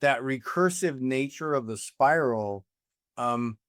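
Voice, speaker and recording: A man's voice: medium pitch, animated, slow, a bit bright, dry recording, clean studio sound. A man in his sixties, a guest in a casual conversation, musing reflectively with an easy, sometimes profane manner.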